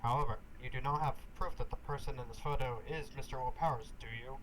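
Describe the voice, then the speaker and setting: A man's voice: medium pitch, steady tone, quick pace, a bit bright, a little hiss or hum, lightly acted, poor audio. Man reading as a blunt young defense lawyer. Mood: questioning. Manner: blunt, questioning.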